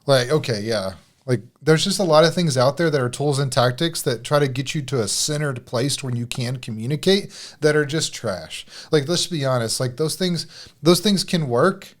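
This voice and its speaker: A man talks bluntly in a loose, rambling chat as a marriage coach. His voice sits at a middle pitch for a man. He piles up fillers and restarts as he makes his points. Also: normal speed. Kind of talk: casual chat about marriage.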